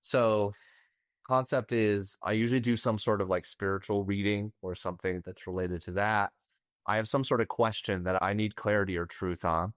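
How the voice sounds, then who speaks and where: Low-voiced man, candid podcast guest. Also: steady tone, normal speed, no room sound, studio quality. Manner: candid, searching, a little emotional. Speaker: podcast guest, party coach.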